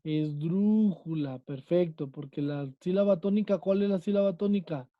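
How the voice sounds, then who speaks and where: A man's voice: high-pitched, normal speed, no room sound, muffled recording. A man with a Mexican accent, teaching a Spanish class and quizzing his students, checking in with them again and again. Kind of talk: online class lesson.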